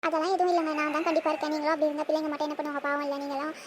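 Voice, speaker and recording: A woman voicing a gentle village mother in a cartoon, soothing her husband. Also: sits high, flat delivery, racing, a little hiss or hum, natural voice.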